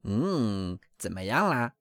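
A man's voice: fairly low pitch, big pitch swings, slow, fairly bright tone, no echo, full character voice. A man doing a blunt old know-it-all duck. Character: knowing old visiting female duck. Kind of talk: storybook reading.

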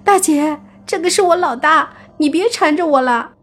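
A woman's voice: moderate pace, fairly bright tone, faint music behind. A woman doing a whiny, panicky young zombie. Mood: pleading. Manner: tearful, pleading, high-pitched.

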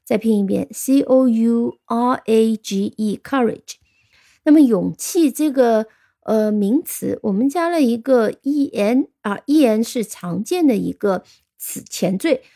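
Woman teacher going over english words, spells them out slow, kinda gravelly, darkish tone. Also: fairly high pitch, animated, warm tone. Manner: spells words letter by letter, patient explaining; frequent fillers, switches between Chinese and English. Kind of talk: spoken vocabulary lesson.

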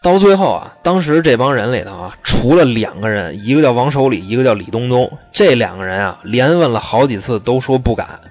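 A man's voice: mid-range voice, animated, fairly quick, few pauses, soft background music. A man telling a true-crime story in a casual, slangy, profane way.

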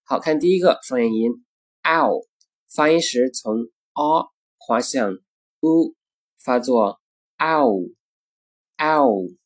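A man teaching pronunciation, saying each example word twice in a deliberate way. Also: mid-range voice. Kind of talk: pronunciation lesson.

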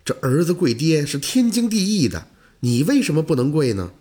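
A man's voice: a little high, big pitch swings, moderate pace, warm tone, breathy edge. A man voicing a tender, worried farm wife, pleading with her son in a slightly raised voice.

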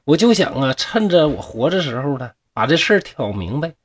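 Dying peasant, suspicious and bitter, Northeastern Mandarin accent, husky and lively, read by a storyteller. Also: male voice, fairly high pitch, brisk. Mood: pleading. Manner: pleading, folksy.

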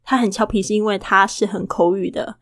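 A woman hosting a casual podcast lesson, chatty and full of rhetorical questions, who slowly models English words and repeats them. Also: mid-range voice, steady tone, no echo, studio quality. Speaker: English teacher and podcast host.

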